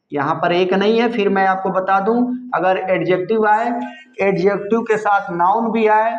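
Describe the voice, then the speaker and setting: A man teaching English grammar in Hindi, explaining slowly and repeating himself, spelling words out letter by letter. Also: sits high. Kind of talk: Hindi-language grammar lesson. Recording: echoey room, slightly dull sound.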